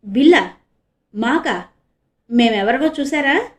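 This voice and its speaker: A woman voicing bullying male police constables in a storybook reading, loud and domineering. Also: fairly high pitch, lively intonation, takes it slowly. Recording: echoey room.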